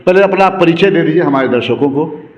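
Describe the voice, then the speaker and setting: A man's voice: on the high side, expressive, a little fast, slight background noise. A man interviewing a local politician with formal, polite questions. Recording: long reverb.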